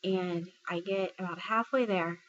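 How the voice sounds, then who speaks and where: This Texas woman, who serves in the military, shares a personal story vlog-style, chatty and full of fillers, repeating others' words as quotes. She speaks a little slowly, her voice on the low side and steady in tone. The recording has its highs cut off and carries a little hiss or hum.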